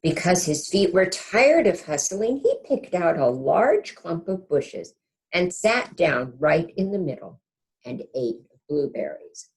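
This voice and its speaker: In a fairly low, very animated voice, a woman slowly reads a picture book to young children, kindergarten-teacher style. She adds explanatory asides and asks her listeners gentle questions. The recording is low quality.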